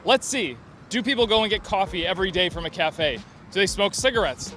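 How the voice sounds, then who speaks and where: A man in his thirties hosting a street interview outdoors on a city street, asking quick questions and running through numbers in an upbeat way. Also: high-pitched, expressive, pushed and bright, slight background noise. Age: 30s.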